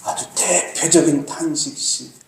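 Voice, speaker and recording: A man preaching a sermon as pastor, earnest, with dramatic pauses and slow emphasis. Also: a little high, fairly even intonation. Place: church sanctuary. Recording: very echoey church hall, faint noise.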